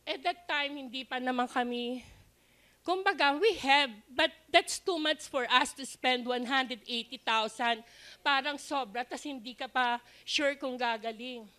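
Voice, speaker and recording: A woman's voice: high-pitched, unhurried, sharp tone. An older woman with a Filipino accent, giving an earnest church testimony with English phrases mixed in. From Philippines.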